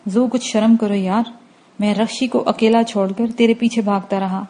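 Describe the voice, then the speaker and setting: A woman voicing an exasperated young man who pleads and argues, in a mellow, darkish tone. It is read as a storybook dialogue, with mild irritation throughout. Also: medium pitch, steady tone, natural voice.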